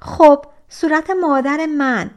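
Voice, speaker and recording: Woman doing a brash spoiled girl. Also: lightly acted. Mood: cocky. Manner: loud, cocky, high-pitched.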